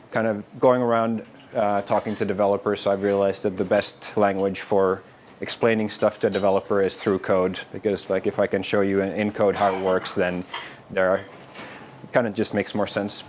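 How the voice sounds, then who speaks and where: A lower-pitched man from Finland talks a meetup audience through a developer presentation. His delivery is casual and loose, with plenty of "uh"s and restarts. A faint room hum sits behind him. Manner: relaxed, informal, with frequent fillers and restarts. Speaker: developer advocate giving a meetup talk. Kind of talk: conference tech presentation.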